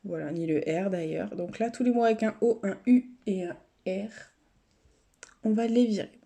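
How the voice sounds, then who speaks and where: A woman's voice: medium pitch, moderate pace, vocal fry, warm tone. A woman YouTuber giving casual running commentary to her viewers, chatty, sometimes dropping to mutters and whispers. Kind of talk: casual running commentary while scratching lottery tickets. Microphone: camera set up on a table.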